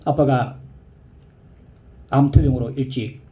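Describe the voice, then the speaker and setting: A male pastor preaching a sermon, telling a story in a low voice and rising to high, pleading cries. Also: fairly even intonation, slow pace, dull audio.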